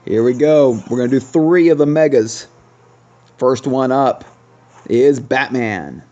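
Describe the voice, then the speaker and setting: Talking through a game review in a relaxed way, this gaming channel host thinks out loud as he goes. He has a mellow, medium-pitched voice and speaks a little slowly, with dull, lo-fi audio.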